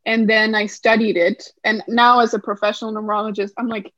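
A woman from Denmark speaks as a podcast guest, explaining her work in a thoughtful, searching way. Her voice is a touch high, recorded dry and somewhat dull, like a lo-fi home mic. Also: flat delivery, brisk, fairly bright tone, no echo. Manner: thoughtful, explanatory, many fillers. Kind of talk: podcast interview.

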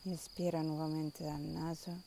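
A woman guides a meditation softly and soothingly, leaving long pauses. Her tone is mellow and stays very level, with little melodic movement. Faint outdoor ambience with crickets sits behind her voice. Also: low voice, vocal fry, slight background noise. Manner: soft, calm, soothing instruction with long pauses.

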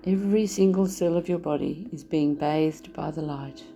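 Woman, meditation guide, soft soothing delivery, lowish voice, music under the voice. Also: creaky.

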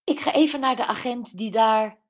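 A woman's voice: a little high, normal speed, voice pushed up, natural voice. Brenda, a woman doing an eager amateur sleuth. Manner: excited, questioning. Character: eager nosy middle-aged woman sleuth.

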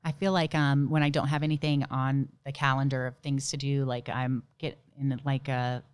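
A woman's voice: extremely low pitch, little pitch movement, moderate pace, clean tone, no room sound. A young adult woman, a nurse and ultrarunner, telling stories in a casual interview, laughing easily. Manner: chatty storyteller, laughs often, many "like" and "you know". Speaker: ultramarathon runner and nurse guest.

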